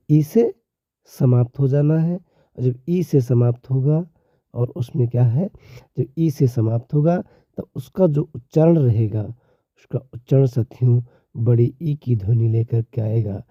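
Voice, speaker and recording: A man teaching a slow, deliberate lesson who keeps addressing his viewers as companions. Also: mid-range voice, mellow, no echo. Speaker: English teacher. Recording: dull lo-fi recording.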